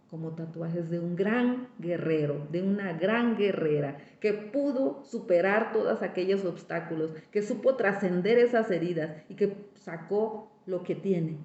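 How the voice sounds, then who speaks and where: A woman's voice: lowish voice, warm tone. A woman gives a spiritual recovery testimony. She talks straight to her listeners and repeats her words for emphasis. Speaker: speaker giving a recovery testimony. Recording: echoey, dull lo-fi sound.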